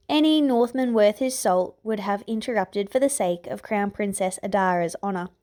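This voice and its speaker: In a medium-pitched, slightly mellow voice, a woman reads aloud a scripted fan fiction piece she wrote, serving as both podfic author and narrator.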